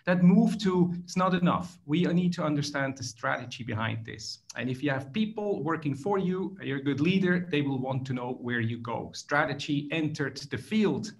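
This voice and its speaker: Interviewed over video call as a guest author, a middle-aged Swiss man with a Swiss accent answers thoughtfully from a plain indoor room, often backing up to restart phrases. His slightly high voice has lively intonation and vocal fry, and he speaks at normal speed with few pauses.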